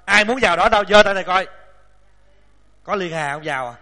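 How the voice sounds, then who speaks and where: A man, a Buddhist monk giving a lively, joking dharma talk to a large audience, acting out voices and scolding himself. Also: sits high, fairly quick. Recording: long hall reverb.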